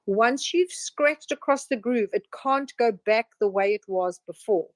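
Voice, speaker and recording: A woman's voice: on the high side, unhurried, no room sound. A woman giving a casual spiritual talk. She meanders, uses many fillers and restarts, and acts out quotes as she tells stories. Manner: lively storyteller who acts out quoted voices. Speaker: spiritual teacher. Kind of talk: casual spoken presentation.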